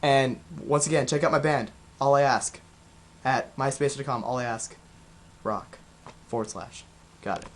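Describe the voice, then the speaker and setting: A young man talks through vocal technique in a relaxed video lesson, at a middling pitch. He rambles a little and fills pauses as he explains. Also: slight background noise. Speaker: vocal coach.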